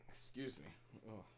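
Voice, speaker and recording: Slangy young man with lively pitch. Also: a little hiss or hum. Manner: slangy, swears, laughs often. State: hiccuping. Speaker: reaction streamer. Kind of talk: casual reaction commentary.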